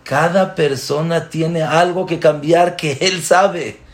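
A man's voice: on the high side, fairly even intonation, slow pace. A man giving a sermon, telling stories with emphatic repetition. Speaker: religious speaker.

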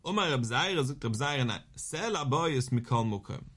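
A man giving a Talmud lesson, reading the source aloud and explaining it line by line, slowing into a sing-song when he quotes a verse. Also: mid-range voice, animated, fairly bright tone. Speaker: Talmud teacher.

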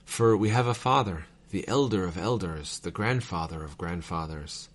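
A man reading old letters aloud in a measured, formal cadence, as a reader of devotional texts. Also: low voice.

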